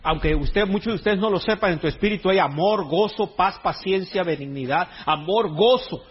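A man's voice: sits high, normal speed, slightly rough, muffled recording. A man preaching a sermon in a joking, conversational way, full of slang. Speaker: pastor.

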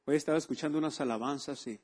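A man's voice: fairly high pitch, racing, a little mellow, slightly rough. A man preaching a sermon, repeating key words and asking the congregation for amens. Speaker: pastor.

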